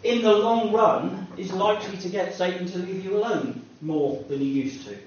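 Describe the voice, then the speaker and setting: Preaching in a conversational manner, this high-voiced man pokes fun at himself and wanders into personal asides at a moderate pace. The distant mic in the echoing hall gives a dull recording with a faint hiss or hum.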